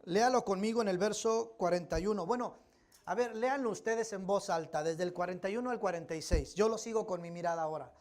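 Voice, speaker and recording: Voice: medium pitch, fast, a little mellow. Preacher, Bible study sermon, emphatic, repeats phrases, addresses the congregation. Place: church service.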